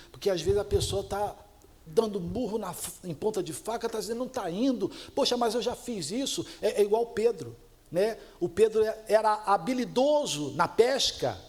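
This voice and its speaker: A man's voice: high-pitched, a little mellow. A middle-aged man with a Brazilian Portuguese accent, a pastor preaching a sermon, chatty and laughing at his own stories. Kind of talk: sermon with storytelling.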